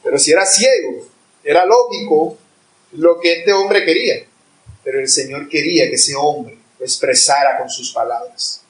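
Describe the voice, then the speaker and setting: A man's voice: on the high side, normal speed. Earnest preacher, man, echoey and distant. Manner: earnest, rising to impassioned pleading. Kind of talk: sermon. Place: church hall. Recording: echoey room, voice far from mic.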